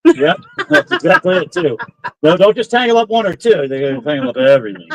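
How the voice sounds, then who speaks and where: Out fishing on a pontoon boat on a lake, a man chats with his companion, teasing and joking. His voice is highish and fast with huge pitch swings, recorded in poor audio with no room sound.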